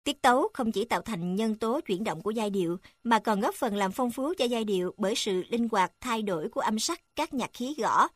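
A woman reading a music textbook aloud in an even, formal manner, announcing each section number. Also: fairly high pitch, normal speed, few pauses, no room sound. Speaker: narrator reading a text on music.

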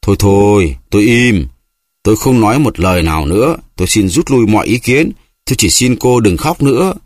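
A man's voice: on the low side, expressive, a little fast, no room sound, studio quality. A man voicing a flustered husband who pleads and protests in exasperation. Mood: pleading.

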